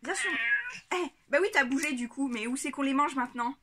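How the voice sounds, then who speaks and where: A woman vlogger chatting casually to a camera on a tripod, giggling often and filling pauses with lots of hesitations. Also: high voice, a bit bright, a little hiss or hum. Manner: chatty, giggly, many fillers. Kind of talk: casual unboxing chat.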